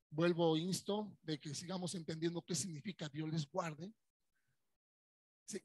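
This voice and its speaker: A man's voice: on the high side, dry recording. A man with a Mexican accent preaching a Sunday sermon as pastor, in a conversational way. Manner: conversational preaching, acts out churchgoers' voices.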